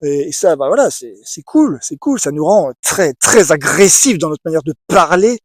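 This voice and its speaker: A man's voice: fairly high pitch, sing-song, normal speed, no room sound. Emphatic French man, dry close sound. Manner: emphatic, repetitive, many restarts and fillers; rhetorical asides to the viewer. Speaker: video essayist. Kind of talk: casual opinion monologue.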